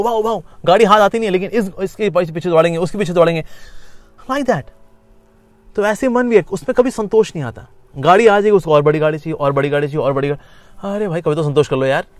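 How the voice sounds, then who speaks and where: A man teaching a spiritual course, mixing Hindi and English, lively and explanatory, sometimes acting out inner voices with sing-song repetition. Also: high voice, dry recording. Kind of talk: Gita lecture.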